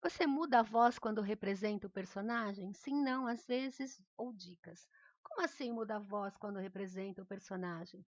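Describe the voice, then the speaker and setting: Speaking at a normal speed in a mid-range voice, a Brazilian-accented woman teaches a remote lesson that was recorded. She's encouraging and patient and frequently checks on her students; the sound is lo-fi with no echo.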